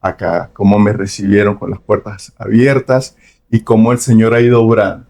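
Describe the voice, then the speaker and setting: A man's voice: on the low side, flat delivery, a little mellow. A young Venezuelan man with a Venezuelan accent, giving a personal testimony as a podcast guest in an earnest, reflective way. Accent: Venezuelan Spanish. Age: young adult. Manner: earnest, reflective, with frequent pauses and hedges.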